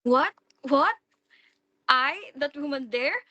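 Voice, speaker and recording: A woman's voice: sits high, animated, slow pace, a bit bright, highs cut off, exaggerated voice. A woman acting a bold, mocking young stepdaughter in a dramatic stage-play reading. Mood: incredulous, amused.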